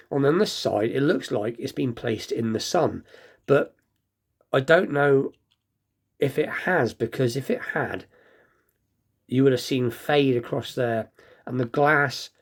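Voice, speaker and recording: A man's voice: mid-range voice, vocal fry, a little mellow. A man hosting a casual collector's show-and-tell, rambling and understated, lisping slightly as if he has just bitten his tongue. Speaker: host of a diecast toy collecting show.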